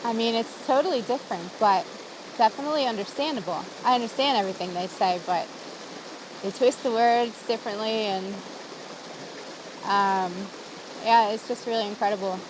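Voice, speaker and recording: An American vlogger with a fairly high voice chats casually to the camera at a normal pace while cooking outdoors by a campfire. She's talkative and giggly, laughing often, and there's background noise.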